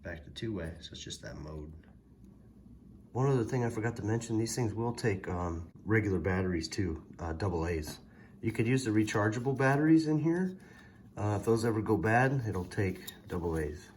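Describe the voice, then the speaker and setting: A product reviewer with a voice on the low side and lively intonation gives a casual, plainspoken hands-on demonstration at normal speed. His style is folksy. Loud background noise and vehicle ambience fill the recording.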